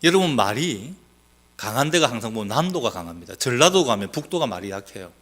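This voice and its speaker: A male pastor with a mixed Gyeongsang accent preaching a sermon, teasing the congregation with questions and swinging between loud exhortation and quiet asides. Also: big pitch swings, quick pace. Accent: Gyeongsang Korean, mixed. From South Gyeongsang, Korea. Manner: emphatic, rising to loud exhortation, then dropping low.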